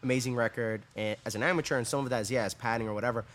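A man's voice: medium pitch, steady tone, rapid-fire, a bit bright, soft background music. A man co-hosting a podcast, casually explaining a point in an easygoing way. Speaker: podcast co-host.

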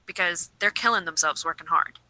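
Bright earnest woman, shaky cold voice. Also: fairly low pitch, fairly quick, no echo, low-quality recording. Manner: earnest, pleading. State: shivering, slightly shaky voice. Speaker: podcast co-host. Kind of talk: casual chat. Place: cold room.

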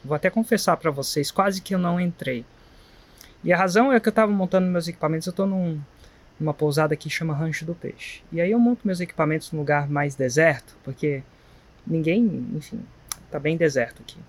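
A man's voice: fairly high pitch, a little fast. A man with a Brazilian Portuguese accent hosting a live stream, talking casually and sincerely, wandering between stories. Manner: chatty, digressive, sincere. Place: guesthouse, quiet spot.

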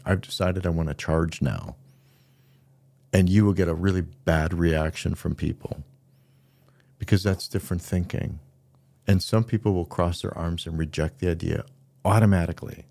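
A middle-aged pastor speaks earnestly in a low, gravelly voice, easing into stories and acting out what people said. His tone is dark and mellow. He is recorded dry and close on the mic. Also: no room sound. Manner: earnest storytelling, acts out quoted voices. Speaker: pastor and podcast co-host. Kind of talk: casual podcast conversation.

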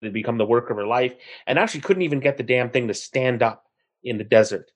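A man telling a story in an interview, animated and acting out the people in it. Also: medium pitch, fast talker. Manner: animated, acts out characters in the story.

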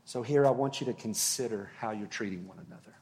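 A man preaching a sermon as pastor, earnest and unhurried, with long pauses and words that fall away softly. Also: lowish voice, slight background noise. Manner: slow, earnest preaching with long pauses and soft drops in volume.

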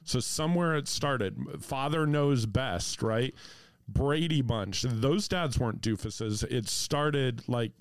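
Smooth-voiced male podcast co-host. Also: mid-range voice, takes it slowly, no room sound. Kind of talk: casual podcast chat with encouragement.

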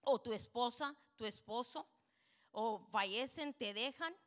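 A middle-aged woman preaching a bilingual sermon in Spanish and English, emphatic, peppering her lines with amens and slowing down on key points. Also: fairly high pitch, fairly bright tone. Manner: switches between Spanish and English, frequent amens.

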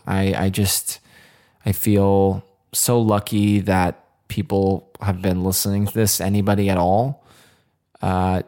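Earnest rambling podcast host, low-voiced man. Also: darkish tone. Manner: earnest, rambling with many fillers and restarts. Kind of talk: casual solo podcast monologue.

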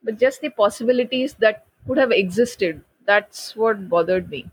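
A woman's voice: medium pitch, normal speed, breathy edge. A woman with an Indian accent chatting casually on a podcast, on a dull, roomy recording. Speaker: podcast participant. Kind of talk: casual chat.

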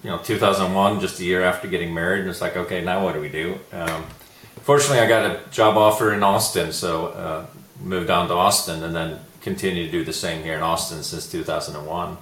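A man from Sweden, a guest entrepreneur, telling his story in a relaxed, reflective interview. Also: sits low, fast, reverberant, a little hiss or hum, poor audio. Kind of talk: casual interview chat.

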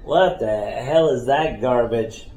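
Joking player in an echoey room. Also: male voice, medium pitch, slow pace, dark tone. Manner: joking, playful. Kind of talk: casual chat at a tabletop game.

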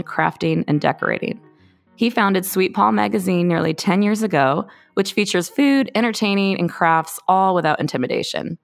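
A woman host reads an upbeat scripted introduction to a podcast. Her voice is low and gravelly. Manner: upbeat, reading a prepared intro.

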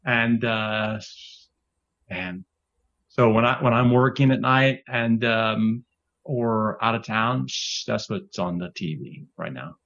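A man's voice: lowish voice, takes it slowly, creaky, a bit bright. A man in a casual podcast roundtable, easygoing and rambling. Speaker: podcast co-host. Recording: slightly dull lo-fi audio.

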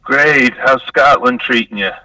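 A man's voice: mid-range voice, measured pace, pushed and bright, no echo. A man calling into a podcast over a phone line, chatting in an easygoing, upbeat way. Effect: heard over a phone line. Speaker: caller. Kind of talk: casual chat. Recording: distant call-in phone audio.

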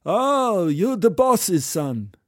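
A bewildered old warehouse hand, as a storyteller puts him on, his voice lifted high and stretched slow. He drifts from one thought to the next without ever catching up. The man reading it keeps the sound dry and close. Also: sing-song, no room sound, full character voice. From Poland. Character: confused elderly male warehouse worker.

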